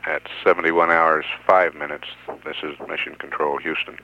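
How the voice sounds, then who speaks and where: Low, flat man on a mission control radio loop. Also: gravelly. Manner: measured, even delivery with occasional "uh" pauses. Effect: radio transmission sound over a mission control loop. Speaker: mission control public affairs announcer. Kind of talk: formal mission status announcement. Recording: dull lo-fi 1970s mission radio audio.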